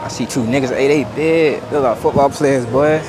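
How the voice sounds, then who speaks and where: A man's voice: mid-range voice, moderate pace. A young man hosting a street prank video, talking in slang and pleading that he's sick. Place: outdoors on a city street. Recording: loud street noise on outdoor camera mic.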